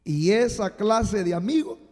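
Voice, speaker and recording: A man preaching a sermon as a pastor, slow and emphatic with sudden loud bursts, recorded live in a church. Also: high-pitched. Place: church sanctuary. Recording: live church hall with long reverb.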